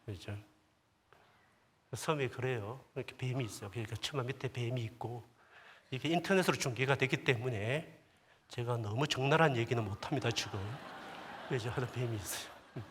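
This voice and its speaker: A man's voice: mid-range voice, normal speed, a bit bright, a little hiss or hum. A male pastor preaching a sermon, telling stories with humor and frequent asides to the congregation. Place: church sanctuary at a prayer service. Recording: long church hall reverb.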